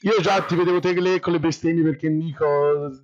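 Hoarse, euphoric high-voiced man. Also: fairly even intonation, a little fast, dull audio, background noise. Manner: euphoric, shouting, swearing, repeating phrases. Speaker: sim racing driver. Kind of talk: excited voice chat after a race.

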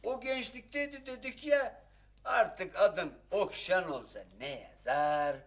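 Gruff tipsy father, bright and forceful tone. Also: high voice, slow. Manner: gruff, blunt. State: drunk. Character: Zekeriya, gruff drunk father. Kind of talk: TV comedy-drama acting.

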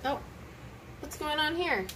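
Her high, bright voice is expressive and forceful as she reads a picture book aloud with a child at a measured pace. She chats casually, exclaims, and asks prompting questions along the way. The recording has a distant mic with clear background noise.

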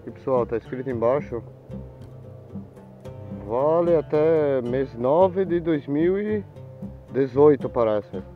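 A man's voice: mid-range voice, lively intonation, takes it slowly, pauses often, faint music behind. A middle-aged Brazilian man talking casually to viewers as he explores outdoors, making informal remarks while looking around. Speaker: vlogger. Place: outdoors in overgrown woodland. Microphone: handheld camera at arm's length. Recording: dull lo-fi outdoor camera sound.

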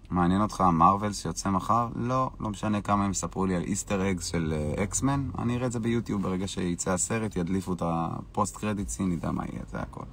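A man's voice: low-pitched, few pauses, a bit bright. A man hosting a live stream, casually answering viewers' questions in a brash, boastful and dismissive way.

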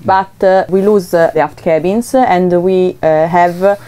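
Young woman, smooth voice. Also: fairly low pitch, steady tone, mellow. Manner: halting, searching for English words. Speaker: boatyard representative. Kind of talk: guided boat tour. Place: inside a sailboat cabin.

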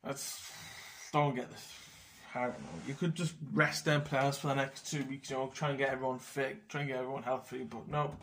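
A man's voice: medium pitch, flat delivery, moderate pace, few pauses, a bit bright, slight background noise. A young man ranting casually about football selections, blunt and sweary. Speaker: football fan vlogger.

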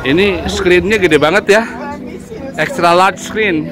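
A man's voice: sits high, takes it slowly. A man in his forties giving casual walking-tour commentary on a handheld phone, pointing things out as he walks along a city street at night. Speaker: vlogger. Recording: street crowd noise and music.

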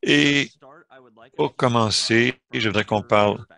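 A man giving live voice-over interpretation of a panel discussion, halting at times and correcting himself. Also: mid-range voice, gravelly, bright, forceful tone. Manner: halting, with self-corrections and fillers.

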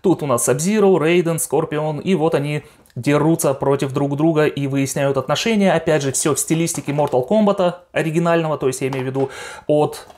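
Youngish guy hosting a games video, kinda high voice, casual and opinionated, talks right to viewers. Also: brisk, a little mellow. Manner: informal, opinionated, addresses viewers directly. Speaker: video host showing his game collection.

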